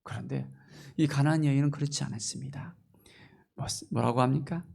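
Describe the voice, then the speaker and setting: A male pastor preaching a sermon with passion, moving from loud exclamations to near-whispers and asking his congregation rhetorical questions. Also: medium pitch, brisk, gravelly, husky.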